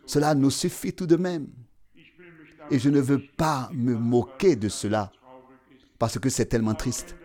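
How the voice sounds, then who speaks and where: A man delivers a sermon in a mid-pitched voice. His delivery is emphatic, lifting into a sing-song preaching cadence on key phrases. He then drops to quieter, hushed remarks.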